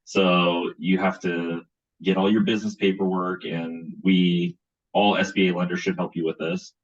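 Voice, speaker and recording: A man with a very deep voice explains lending on a webinar panel. His video call audio is dull and lo-fi, and it keeps breaking up, clipping the ends of his words. He talks haltingly and restarts his sentences. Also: level tone. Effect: choppy audio cutting out, clipped word endings. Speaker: bank lender on a panel.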